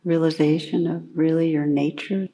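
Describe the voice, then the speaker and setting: A woman meditation teacher leads a guided meditation, calm and unhurried, gently giving instructions between long pauses. Her voice sits low and has a creaky quality.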